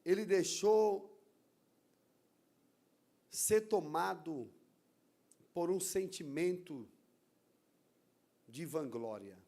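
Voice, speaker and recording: A man with a Brazilian Portuguese accent, preaching a sermon as pastor in a church, deliberate and emphatic. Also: high-pitched, mellow.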